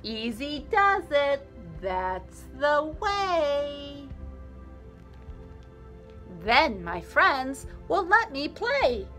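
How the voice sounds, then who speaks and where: An eager little shark boy from a picture book, voiced by a woman with a high, lively voice. He delivers his self-reminders slowly and earnestly, almost in sing-song. Soft music plays underneath. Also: exaggerated voice. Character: young boy shark, eager and well-meaning.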